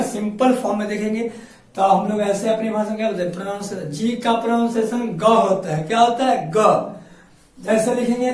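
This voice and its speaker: In a classroom lesson, a male coaching teacher with a Bihari Hindi accent explains English pronunciation in a high, darkish voice. He poses questions to himself, answers them, and repeats every point. The room is echoey and the mic sits at a distance.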